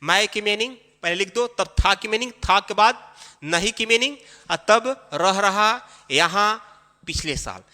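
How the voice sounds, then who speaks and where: A man teaching an English grammar lesson, explaining each step and repeating key phrases slowly. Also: high-pitched, bright, forceful tone. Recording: long hall reverb.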